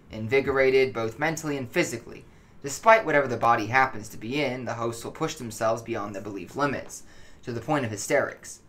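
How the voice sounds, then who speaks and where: A narrator plays a male researcher in a dark tale, setting down experiment notes. The delivery is formal, measured and clinical. He sounds detached and secretive, at a middling pitch. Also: close to an everyday voice.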